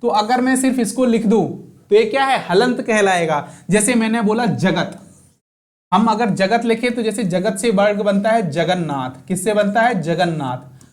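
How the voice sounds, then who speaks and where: A man's voice: sits high, normal speed. A man teaching a grammar lesson, often repeating key terms as questions to his students.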